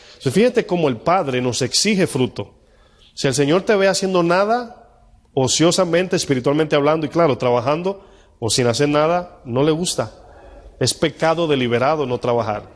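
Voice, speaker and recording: A male pastor giving a conversational sermon, teaching and putting questions to his congregation in a church. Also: fairly high pitch. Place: church hall with live congregation. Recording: long hall reverb.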